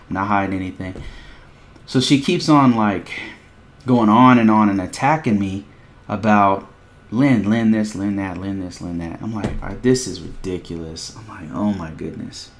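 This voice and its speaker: Low-voiced man rambling through a live stream. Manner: rambling, repeats himself, frequent fillers, talks to viewers directly. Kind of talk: casual storytelling and advice to viewers.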